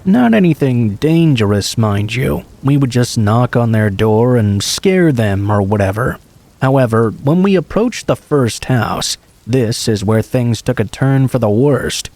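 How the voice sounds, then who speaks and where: A man reading true scary stories aloud in the first person, in an even storytelling way. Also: mid-range voice, unhurried. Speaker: horror story narrator.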